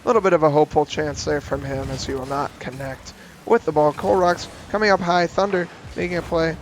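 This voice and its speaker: A man calling esports play-by-play, giving a brisk, steady account of the action. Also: fairly high pitch, a little hiss or hum. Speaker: play-by-play caster.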